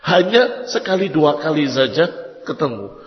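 A man preaching a sermon to married women, lively and emphatic, sometimes chanting Arabic passages in a sung tone. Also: fairly high pitch, normal speed, muffled recording, very noisy. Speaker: Islamic preacher. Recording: echoey hall reverb.

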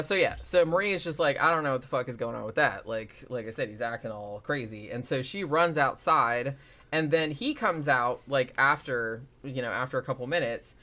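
A man's voice: medium pitch, bright, forceful tone. A man casually retelling a paranormal TV episode as a podcast host, rambling with lots of fillers and swearing.

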